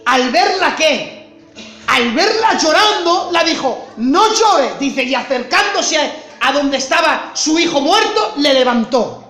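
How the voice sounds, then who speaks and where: A man preaching a sermon with passion, swinging from loud cries to hushed tones. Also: very high-pitched, lively intonation, unhurried, reverberant.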